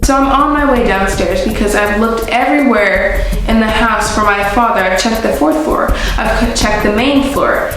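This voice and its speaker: A woman's voice: on the high side, normal speed, hardly any pauses. A young woman giving a mock reality TV confessional, dramatic and judgmental in her delivery. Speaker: daughter in a family reality TV parody. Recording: distant, very echoey, loud music behind.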